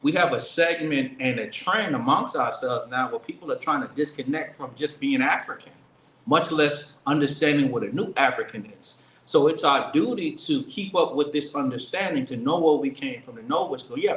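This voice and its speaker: A man giving an earnest political speech, emphatic and slowing down to stress key words. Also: mid-range voice, fairly bright tone, slight background noise. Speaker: speaker at a commemoration event. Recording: echoey room with faint ambience.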